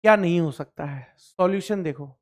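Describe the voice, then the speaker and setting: A chemistry teacher lecturing to students. He repeats every point, asks the class questions and answers them himself, and reads formulas out slowly. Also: on the high side. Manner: speaks for the student too, addressing himself as sir; slow, deliberate reading of formulas.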